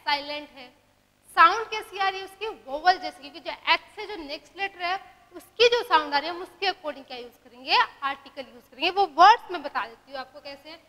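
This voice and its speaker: A very high, bright woman's voice with an Indian accent explains grammar to a class. She poses questions and answers them herself, and slows right down to dictate example sentences. A long reverb hangs in the room behind her. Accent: Indian English. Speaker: English grammar teacher.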